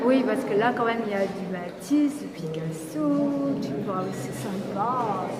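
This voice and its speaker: A woman's voice: mid-range voice, moderate pace, very noisy. A woman interviewing casually in an effusive, admiring, exclamatory way, her voice ringing with echo in a big bare room. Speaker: interviewer, art channel host. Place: large reverberant indoor art gallery. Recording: very echoey large hall, loud crowd chatter. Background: loud murmur of visitors.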